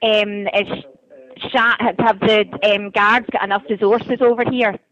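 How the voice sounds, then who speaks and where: A woman's voice: mid-range voice, fairly even intonation, unhurried, fairly bright tone. A young woman with a Glaswegian accent, chatting casually on a dull phone line. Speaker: work experience student at a radio station. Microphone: phone call.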